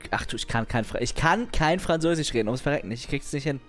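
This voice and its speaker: A man's voice: mid-range voice, expressive, quick pace, fairly bright tone, soft background music. A young man chatting casually on a livestream, rambling in slangy, crude language and laughing often.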